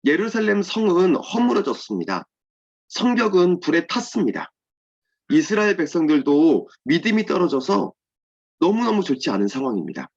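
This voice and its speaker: Man doing grieving male messengers, lamenting and urgent, high and lively, lo-fi sound. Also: moderate pace. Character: distressed male messengers bringing bad news. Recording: dull lo-fi sound.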